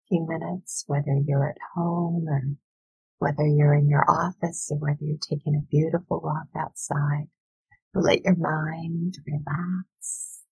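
A woman educator leading a workshop speaks softly, soothingly, and deliberately with pauses, as though guiding a visualization. Her voice sits low and sounds breathy and husky. There's no room sound, though the audio quality is poor.

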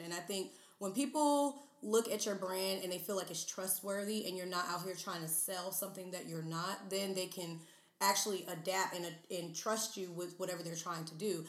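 A woman in her mid-twenties, a podcast guest talking in a chatty, animated way with many fillers. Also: fairly low pitch. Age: 20s. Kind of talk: casual interview chat. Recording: roomy echo.

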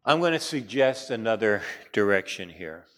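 A man's voice: lowish voice, expressive, moderate pace, fairly bright tone. A man teaching a class, chatty, with wry asides and frequent fillers. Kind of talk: classroom lecture.

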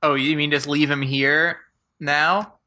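Bright, forceful man playing a tabletop game. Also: on the high side, steady tone, takes it slowly. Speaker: player. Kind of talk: casual tabletop play.

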